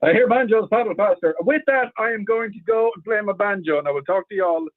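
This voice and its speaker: A man's voice: high voice, quick pace, soft background music. A man calling in, his voice breaking up over a phone line like radio from space, signing off in a folksy way. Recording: tinny phone line with faint banjo.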